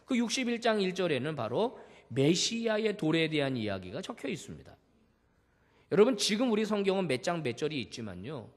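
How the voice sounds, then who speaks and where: A male pastor giving a Sunday sermon, preaching with animation and acting out the voices he quotes. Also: high voice. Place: church sanctuary. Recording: reverberant church hall.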